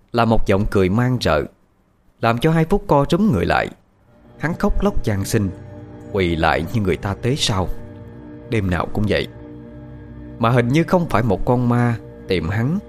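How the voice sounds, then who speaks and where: A man narrating a ghost story as storyteller, dramatic and expressive. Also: fairly low pitch, normal speed, long pauses, soft background music.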